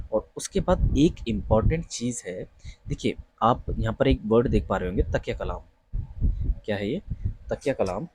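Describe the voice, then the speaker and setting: A man's voice: medium pitch, darkish tone, husky, no room sound, rough recording. A young man teaching an online lesson on pronunciation for job interviews, patiently repeating each word and checking in with his students. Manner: patient, repeats words and asks "ठीक है ना?". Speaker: teacher coaching interview candidates.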